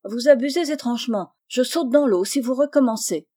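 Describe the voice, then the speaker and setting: A woman's voice: a little high, lively intonation, measured pace, dark tone, voice pushed up. A woman reading a story voices a young wife speaking with mock sternness and teasing. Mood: mock indignant. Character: young wife, feigning indignation.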